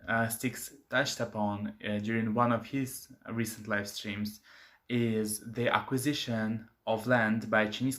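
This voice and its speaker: A young man whose first language isn't English hosts his own channel, giving casual commentary to camera that's hesitant and full of filler sounds. His voice is on the low side with a fairly bright tone.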